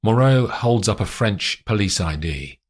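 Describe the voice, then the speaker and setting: A man giving scripted audiobook narration of a spy story in a steady, descriptive way. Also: fairly low pitch, unhurried, breathy edge.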